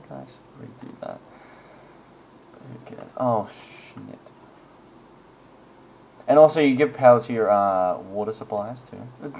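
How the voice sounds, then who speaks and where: A man's voice: lowish voice, creaky, a little mellow, a little hiss or hum, low-quality recording. A man giving casual, rambling gameplay commentary, chuckling and making self-deprecating asides as he goes. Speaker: gaming channel host.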